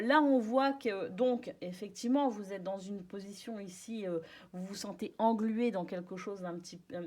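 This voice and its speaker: Chatty French woman reading tarot. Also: a little high. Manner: chatty, hesitant, many fillers and restarts; soft, reassuring. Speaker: tarot card reader. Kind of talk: casual tarot reading for viewers.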